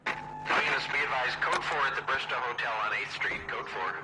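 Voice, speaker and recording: A police radio dispatcher. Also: male voice, mid-range voice, normal speed. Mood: routine. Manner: clipped, flat code-calling delivery. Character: male police dispatcher, calm and routine. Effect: police radio transmission. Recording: loud static over a radio channel.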